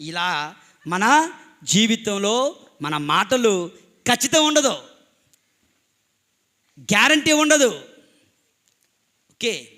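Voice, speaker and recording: Priest, male, very high and bright voice, emphatic preacher who repeats lines and asks the congregation questions in church. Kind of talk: Christmas Mass homily. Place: church during Mass.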